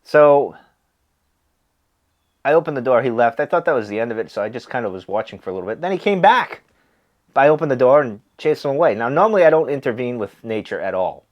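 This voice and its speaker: This man talks fairly quickly with lively intonation at a medium pitch, his stuffy, nasal voice coming through audio with the highs cut off. As a pipe-smoking video host, he chats casually and rambles easily, with plenty of fillers and false starts.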